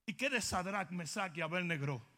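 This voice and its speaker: A man preaching a comic, shouting sermon. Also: sits high, expressive, normal speed. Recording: long hall reverb.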